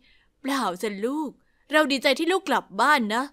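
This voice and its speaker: A woman voicing a gentle middle-aged mother who speaks softly and slowly. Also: high-pitched, expressive.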